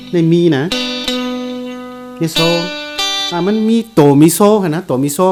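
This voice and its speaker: Man teaching guitar chords over playing. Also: a little high. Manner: explains slowly, repeats note names while playing. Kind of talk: casual music lesson. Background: guitar played along.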